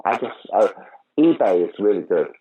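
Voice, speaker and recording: An older British man, an actor and pantomime director, chats through a casual interview, telling anecdotes and acting out the voices of the people he quotes. His deep, husky voice moves at a normal speed with lively intonation. The recording is dull and lo-fi, with faint background noise.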